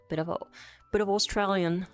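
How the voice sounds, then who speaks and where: A young Polish woman who streams as a VTuber speaks English in a mid-range voice, with an accent blending American and British. She chats casually with her livestream and reads chat aloud, rambling and correcting herself with lots of fillers and restarts. She laughs easily.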